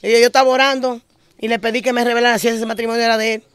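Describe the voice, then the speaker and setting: Fast-talking Dominican woman pastor. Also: fairly high pitch, flat delivery, clean tone, dry recording. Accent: Dominican Spanish. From Dominican Republic. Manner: repeats phrases in rapid bursts. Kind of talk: emotional testimony storytelling. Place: living in Spain.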